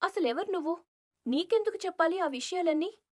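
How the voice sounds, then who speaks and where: A woman voicing a proud young village woman in an animated story, haughty and dismissive. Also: very high-pitched, a little fast, voice pushed up. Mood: cold. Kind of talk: storybook cartoon voice acting.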